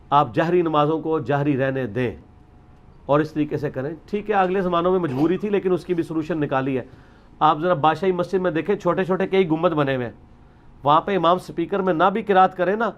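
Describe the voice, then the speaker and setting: In a muffled recording, a man with a Pakistani accent and a fairly high voice delivers an informal religious lecture. He argues and explains off the cuff, mixing English words into his speech.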